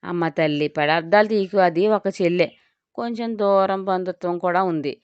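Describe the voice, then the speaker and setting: A curt, mocking young boss, as a woman reads him in an audio story. The voice is smooth and clean, set in a dry, slightly dull recording. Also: on the low side, normal speed, dry recording, close to an everyday voice. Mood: bossy. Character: young man, bossy, teasing office boss.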